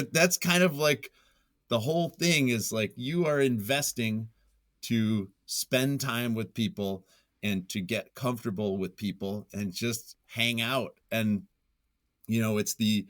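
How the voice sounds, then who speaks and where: Recorded at studio quality with no room sound, a man with a lowish voice talks conversationally as an interviewed writer and journalist. He comes across goofy and self-deprecating, frequently chuckling mid-sentence.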